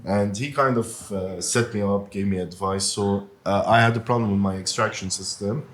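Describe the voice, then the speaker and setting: A man from Lebanon who owns a pizzeria, talking casually in an interview with many pauses and fillers. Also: on the low side, fairly even intonation. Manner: hesitant, many fillers, soft-spoken. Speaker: pizzeria owner. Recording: faint background noise.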